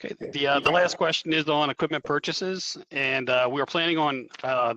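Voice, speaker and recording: A man giving a measured budget briefing to a council, with many fillers. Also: mid-range voice, sharp tone, dull audio. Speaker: budget official.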